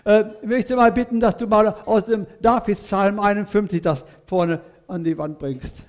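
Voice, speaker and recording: A man's voice: high-pitched, fairly even intonation, moderate pace. An older man preaching a sermon to his congregation in a church hall, telling his own story in a folksy, rambling way, often correcting himself and asking "ne?". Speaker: lay preacher. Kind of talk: church sermon with personal testimony.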